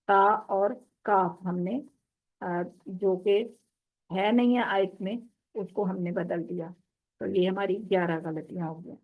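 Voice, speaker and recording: Woman, recitation teacher, patient explainer, stretches demonstrated words slowly, phone-thin sound. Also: medium pitch. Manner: slow, drawn-out demonstration of Arabic words. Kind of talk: tajweed lesson explaining recitation mistakes. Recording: tinny phone-like audio.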